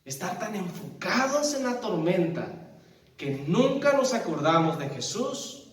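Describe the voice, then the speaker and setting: Pastor, lively preaching voice, slightly high, booming echo from a distant mic. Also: male voice, measured pace. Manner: animated storytelling, asks the congregation questions. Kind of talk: sermon. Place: church hall. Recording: echoey church hall from far off.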